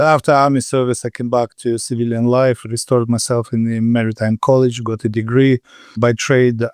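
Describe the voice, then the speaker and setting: A man in his fifties from Ukraine with a Ukrainian accent, a podcast guest telling his story casually with pauses and fillers. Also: medium pitch, a little mellow, clean tone, no echo. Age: 50s. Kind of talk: casual interview over a call.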